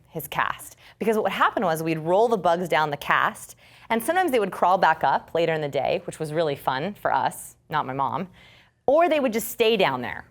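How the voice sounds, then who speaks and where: Animated woman teaching a workshop. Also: fairly low pitch. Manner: lively, acts out quoted speech. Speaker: storytelling workshop instructor. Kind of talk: teaching a class.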